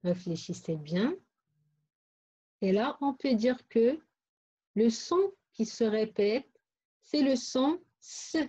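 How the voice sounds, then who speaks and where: A woman teaches phonics very slowly, spelling out and repeating each syllable for young pupils. Her voice sits a little high and sounds mellow. The recording is muffled and lo-fi. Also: expressive, slightly rough. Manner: repeats words and syllables carefully for children. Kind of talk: slow, deliberate phonics lesson.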